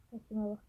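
Her mid-range voice comes through narrow and tinny on a noisy home recording. She's a Turkish gameplay streamer with a blocked nose, chatting casually and muttering and whispering to herself while she plays.

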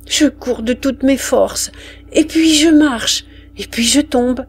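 A woman's voice: high-pitched, slow, husky, soft background music, pitched above the performer's own voice, full character voice. A woman reading aloud and voicing a frightened, widowed peasant mother who speaks in a plaintive, faltering way.

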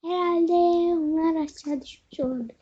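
Shrill young gamer taunting his buddy over and over, bouncy high voice, muffled audio. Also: normal speed, a little mellow. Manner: taunting, keeps repeating challenges. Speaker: gaming partner. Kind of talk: teasing gameplay banter. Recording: dull lo-fi recording.

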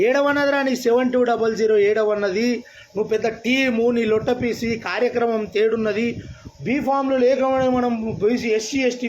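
Telangana man, very high voice, scornful political rant with faint background hiss. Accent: Telangana Telugu. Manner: scornful, taunting, rapid-fire questions. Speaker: political speaker.

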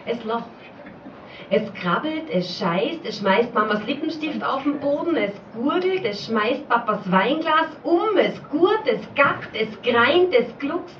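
A woman's voice: high-pitched, lively intonation, slow, slight background noise. A woman performing a spoken-word poem at a poetry slam in a rhythmic, repetitive way, in a small pub. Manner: rhythmic, repetitive, dialect-tinged recital. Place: small pub stage before an audience. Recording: dull, roomy live recording from far off.

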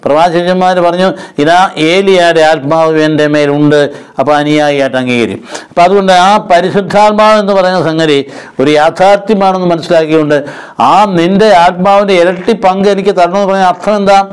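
A man's voice: high-pitched, a little fast, smooth. An older man preaching as a priest, earnestly retelling scripture stories and acting out their dialogue, recorded indoors on a lapel mic. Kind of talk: sermon. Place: studio set with red curtains, indoors.

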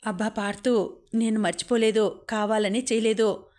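A woman's voice: on the high side, steady tone, moderate pace, darkish tone, close to an everyday voice. A woman voicing an angry young woman in an audiobook, snapping back in short lines.

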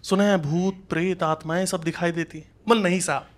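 A high-pitched man from Uttar Pradesh, India, performs live observational stand-up on a small indoor comedy club stage, speaking fairly quickly in a steady tone. His conversational, colloquial delivery includes acting out dialogue in his anecdotes. The live club recording picks up his handheld stage mic along with audience laughter and noise.

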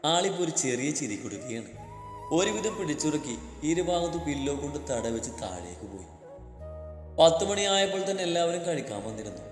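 A male storyteller reads a romance at a calm, steady pace with a middle-pitched voice. The room adds a long, echoing reverb, and soft music plays underneath. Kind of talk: scripted story narration.

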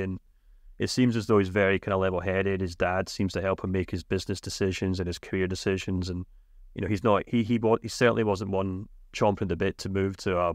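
Low-pitched man with a broad Scottish accent. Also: no room sound, clean studio sound. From Scotland. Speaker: podcast host. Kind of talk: casual football podcast chat.

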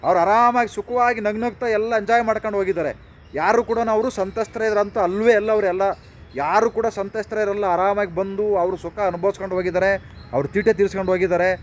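A man's voice: high-pitched, fairly even intonation, fast talker. A man, delivering an impassioned monologue full of rhetorical questions and repeated phrases, recorded outdoors near traffic. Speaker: political commentator.

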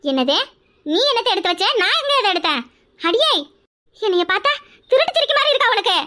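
A woman voicing a loud, quarrelsome middle-aged village woman in a cartoon, with a scolding, rapid-fire way of talking. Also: extremely high pitch, very animated, full character voice. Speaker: cartoon character. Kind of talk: cartoon voice acting.

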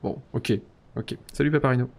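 A man in casual live-stream commentary at a middle pitch, talking half to himself as he places parts and counts them off. He keeps breaking into mock-pompous, self-ironic asides. A faint hiss sits under the voice. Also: steady tone, a little fast, vocal fry. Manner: thinking aloud, counting and muttering while building. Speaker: streamer playing a factory-building game.

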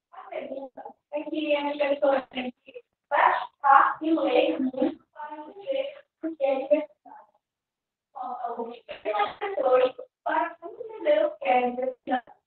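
A child presenting as a student, speaking slowly and haltingly over a video call whose glitchy audio keeps cutting out. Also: sits high. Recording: tinny, distant, echoey call line.

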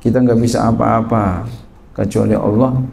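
Middle-aged male religious teacher, mellow gravelly voice, explaining a kitab in casual, animated talk. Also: fairly low pitch, normal speed, slight background noise. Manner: reads Arabic text then explains it in lively colloquial speech. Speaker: Islamic teacher. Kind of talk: kitab study lesson.

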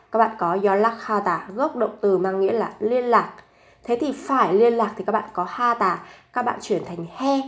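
A young adult woman teaching a language lesson, patiently explaining grammar and repeating example sentences slowly. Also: a little high.

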